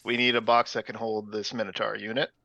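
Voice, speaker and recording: A man's voice: on the low side, flat delivery, brisk, vocal fry, bright, forceful tone, no echo. A man playing a tabletop game, talking casually in character, assertive and teasing.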